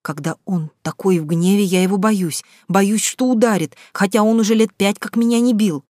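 Woman, audiobook narrator, steady first-person storytelling, dry close recording. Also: medium pitch, moderate pace, no room sound.

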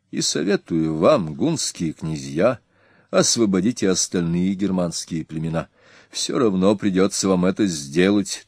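A man voicing a calm, proud Germanic king who speaks firmly and with measured dignity. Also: sits low, no echo, studio quality.

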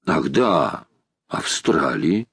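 Man doing a distracted scholarly geographer, muttering, low voice, dry close sound. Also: very animated, a little slow, darkish tone, no room sound, full character voice. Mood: calm. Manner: absent-minded, muttering to himself. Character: distracted excitable male French geographer.

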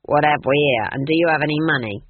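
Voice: mid-range voice, fast talker, dry recording, pitched below the performer's own voice, close to an everyday voice. A reader voicing a swaggering, pompous male bandit chief who blusters and boasts, on a tinny, phone-like recording. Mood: blustering. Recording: tinny phone-like dry sound.

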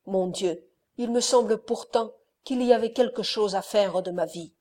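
A woman reading the part of a young wronged countess in an audiobook, with a firm, measured voice. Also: mid-range voice, dark tone, close to an everyday voice. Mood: reproachful.

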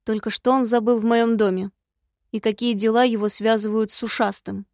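A woman's voice: fairly high pitch, little pitch movement, normal speed, darkish tone, no room sound, studio quality. Woman narrating a wry audiobook. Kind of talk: first-person fantasy audiobook narration.

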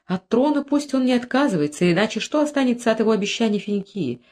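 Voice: mid-range voice, lively intonation, quick pace, a little mellow, pitched above the performer's own voice, lightly acted. A reader voicing a proud, cunning young priestess who speaks haughtily in an audiobook. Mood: haughty. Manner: haughty, calculating. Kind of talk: audiobook character voice.

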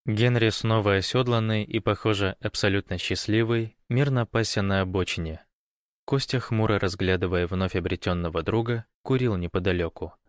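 A man's voice: fairly low pitch, normal speed, dry recording, studio quality. A man narrating an audiobook in a scripted reading.

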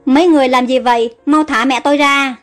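A defiant little street boy shouts and whines in this storybook reading, pitched high and pushing hard, voiced by a woman. Faint music sits under him. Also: fairly even intonation, quick pace, close to an everyday voice. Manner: shouting and whining.

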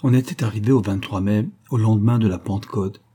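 A man narrating a history book as an audiobook, in a measured, even reading. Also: lowish voice, husky.

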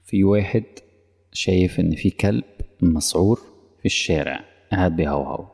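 Egyptian sheikh talking fast and chatty, gravelly husky voice, big echoey hall. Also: male voice, sits low, a little mellow. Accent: Egyptian Arabic. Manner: conversational, quizzing the audience, mock dialogues. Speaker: preacher. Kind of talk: colloquial religious lesson.

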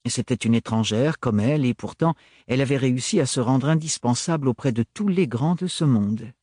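Man, audiobook narrator, measured storytelling, mid pitch, dry close sound. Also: warm tone, dry recording. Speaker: audiobook reader. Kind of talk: scripted narration.

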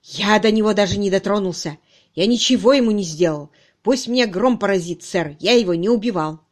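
A woman's voice: on the high side, moderate pace, a little mellow, natural voice. A woman reading an audiobook, voicing a frightened young male constable who begs and pleads. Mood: pleading. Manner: pleading, desperate.

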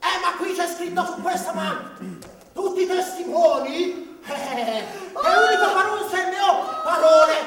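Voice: very high-pitched, a little slow, crowd noise. An actor playing Arlecchino, a gullible, hungry comic servant in a commedia dell'arte stage play, exclaiming clownishly. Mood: boastful. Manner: exclamatory, clownish, echoing others' words. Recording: echoey hall from far off, audience noise.

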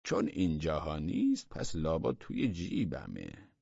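A man's voice: a bass voice, wildly swooping pitch, gravelly, darkish tone, slightly rough, dry recording, lo-fi sound, heavily acted. A man doing a pompous, forgetful minister. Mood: puzzled. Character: self-important male government minister, forgetful.

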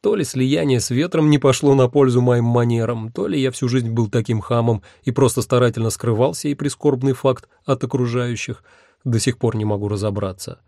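A man narrates a first-person fantasy tale with a wry, even delivery. His voice sits in a middle register and sounds dry and close. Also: mid-range voice, moderate pace, gravelly, no echo. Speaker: audiobook narrator.

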